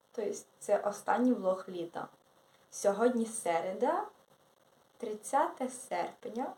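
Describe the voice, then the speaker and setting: A woman's voice: mid-range voice, a little mellow. A teenage girl from Ukraine chatting casually in a vlog, rambling along and correcting herself. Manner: rambling, with self-corrections and hesitations. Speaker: vlogger. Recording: echoey room.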